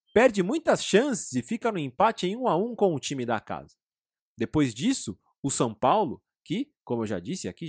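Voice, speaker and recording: A Brazilian man narrates a scripted football history in a high, husky voice. His pitch moves in a lively way, and the sound is dry and close. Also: no echo. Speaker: narrator and host.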